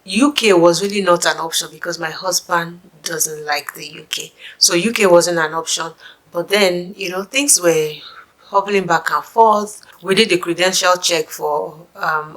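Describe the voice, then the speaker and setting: A middle-aged Nigerian woman with a fairly low, slightly bright voice talks casually to the camera, vlogging for immigrants in her Nigerian accent. She's chatty and musing, full of asides and restarts, and the recording is rough.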